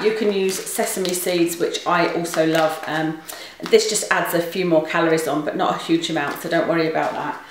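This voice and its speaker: A woman's voice: medium pitch, noisy background. British woman with heavy room echo. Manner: chatty, rambling, frequent ums. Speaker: cooking vlogger. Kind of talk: casual recipe demonstration. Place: home kitchen, indoors. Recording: very echoey kitchen recording.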